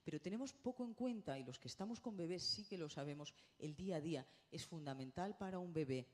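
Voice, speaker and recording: A middle-aged woman giving a lively conference lecture as a speech therapist, often tagging her points with a quick question. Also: on the low side. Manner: animated, lively, checks in with tag questions. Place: conference hall.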